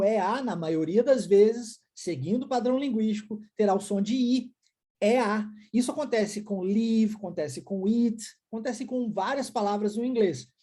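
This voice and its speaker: Brazilian man, English teacher, warm husky voice, energetic drilling delivery. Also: sits high. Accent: Brazilian Portuguese. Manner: energetic, repeats words slowly for drilling. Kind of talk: online language lesson.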